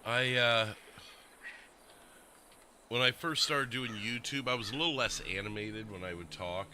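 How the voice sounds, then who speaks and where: A man's voice: mid-range voice, measured pace, pushed and bright. Man, livestream host, casual chat, rambling, lots of fillers, faint background noise. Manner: rambling, self-deprecating, many fillers. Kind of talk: casual chat with stream viewers. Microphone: desk microphone.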